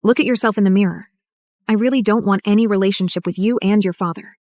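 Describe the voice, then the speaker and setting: A woman's voice: mid-range voice, fast talker, darkish tone, no echo, natural voice. A woman dubbing a defiant young heroine who answers her family with cutting remarks, recorded dry in a studio. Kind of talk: English drama dub.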